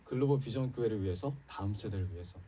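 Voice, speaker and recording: A man's voice: on the low side, quick pace, warm tone. A man preaching a Sunday sermon as pastor, speaking passionately and addressing the congregation directly. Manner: impassioned preaching, rising and dropping emphatically, addresses congregation. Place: church sanctuary. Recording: church sermon recorded from a distance.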